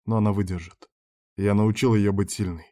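A man narrating a first-person audiobook. His voice is low, with a dark and mellow tone. He reads in a measured, cold way and bites off his own lines curtly. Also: steady tone.

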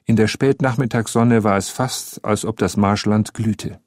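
A man narrating a story with a steady, measured reading on a close studio mic. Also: on the low side, no echo. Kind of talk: scripted narration.

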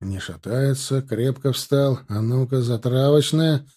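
A man's voice: mid-range voice, unhurried, mellow, close to an everyday voice. A man doing a muttering young dragoon. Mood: busy. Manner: muttering to himself. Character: young dragoon soldier, practical and grumbling.

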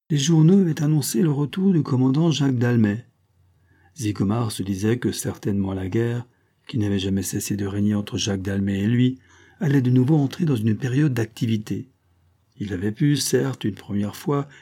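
A man reading an old serial novel aloud in a measured, steady narration. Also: mid-range voice. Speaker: audiobook reader.

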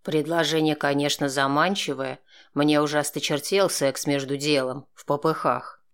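A man narrating a first-person audiobook in a steady, dry, sardonic tone. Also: on the high side, moderate pace, clear, resonant tone.

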